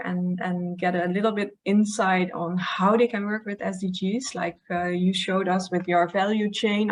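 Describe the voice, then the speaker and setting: A woman's voice: lowish voice, poor audio. A woman hosting an online session informally, moderating questions in a hesitant way and searching for her words.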